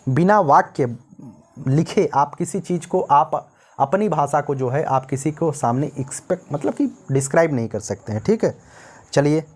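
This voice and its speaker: An Indian male teacher gives a recorded exam-prep lecture in a patient classroom manner. He explains each point in Hindi and reads English lines from his notes slowly, word by word. He keeps checking that his students are following. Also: on the high side, a little mellow. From North India.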